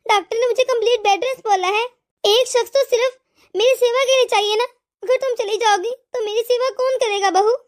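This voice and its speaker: A woman doing an old cartoon mother-in-law, weepy, self-pitying, very high shrill voice. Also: steady tone, brisk. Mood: pleading. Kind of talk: cartoon voice acting.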